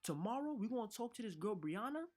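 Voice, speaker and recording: A man's voice: high voice, big pitch swings, fast, darkish tone, pitched above the performer's own voice. A man doing a fiercely protective mother. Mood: firm. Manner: firm, confrontational.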